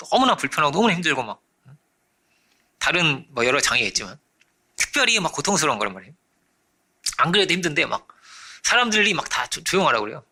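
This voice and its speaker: A man preaching a sermon as pastor, animated, often checking in with his listeners and acting out the voices in his story. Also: fairly high pitch. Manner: animated, acts out quoted voices; frequent rhetorical checks to congregation.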